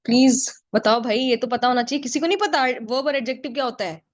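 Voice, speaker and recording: Hindi-teacher woman, higher voice. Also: fast talker. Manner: mixes Hindi and English, asks the class questions then answers them. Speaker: English vocabulary teacher. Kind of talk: online exam-prep lesson.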